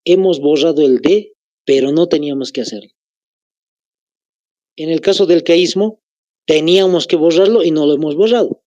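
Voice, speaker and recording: A man with a Bolivian Spanish accent teaching a grammar lesson, slowly repeating phrases so students can take notes. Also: on the high side, dark tone, no echo, highs cut off.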